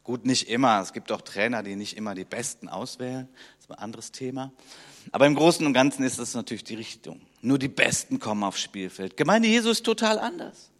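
A man preaching a sermon as pastor, animated and lively, dropping at times to soft near-whispers for emphasis. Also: medium pitch, a little fast, in a large hall.

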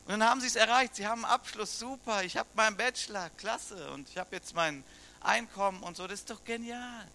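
Bright-voiced German pastor preaching. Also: male voice, sits high, fairly quick, gravelly. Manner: conversational, asks the congregation questions. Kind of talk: sermon.

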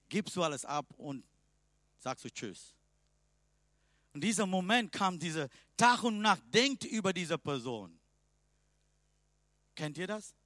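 A man preaching a sermon emphatically, swinging between loud and soft passages. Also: high voice, no room sound, clean studio sound.

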